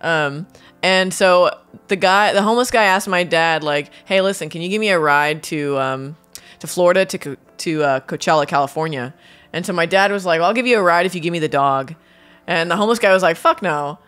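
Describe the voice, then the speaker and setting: A woman's voice: lowish voice, a little fast, fairly bright tone, smooth, soft background music. A woman co-hosting a podcast in casual chat, laughing often and telling a story with lots of swearing, at home with her dogs in the room. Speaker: podcast co-host. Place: home studio with dogs present.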